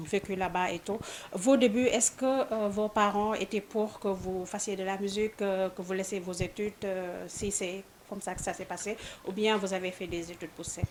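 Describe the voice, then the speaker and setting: Halting woman interviewer. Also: mid-range voice, darkish tone, a little hiss or hum. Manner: halting questions with fillers. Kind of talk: interview questions.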